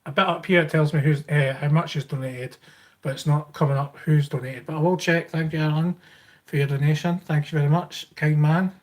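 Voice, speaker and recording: A Scottish man hosts a casual livestream in a slightly high-pitched voice. His talk is chatty and informal, rambling along as he reads and replies to comments in his Scottish accent. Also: fairly even intonation, brisk. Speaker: livestream host. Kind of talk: casual live Q&A chat, reading and answering viewer comments.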